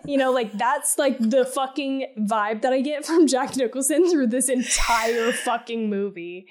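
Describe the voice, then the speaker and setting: A woman's voice: high-pitched, a little slow. A woman co-hosting a podcast, ranting animatedly in casual chat and swearing heavily. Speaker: podcast co-host.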